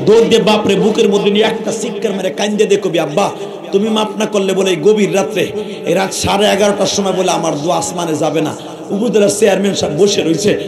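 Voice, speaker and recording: Hoarse high-pitched preacher pleading loudly. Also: male voice. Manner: pleading, commanding the crowd, near shouting. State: hoarse, strained voice. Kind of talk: emotional open-air sermon. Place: outdoor religious gathering under a tent. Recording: echoey loudspeaker sound with crowd. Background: crowd noise.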